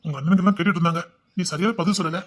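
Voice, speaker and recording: A man's voice: sits high, fairly even intonation. A man playing a guilt-ridden, tender husband. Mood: anxious. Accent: Tirunelveli Tamil. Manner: anxious, pleading, cries and slows when upset. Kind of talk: web series family drama.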